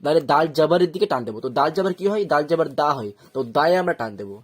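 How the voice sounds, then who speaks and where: A man's voice: a little high, animated, very fast. A man with a Bengali accent teaching Quran reading step by step, breaking words into syllables and often checking that learners follow. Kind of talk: step-by-step recitation lesson.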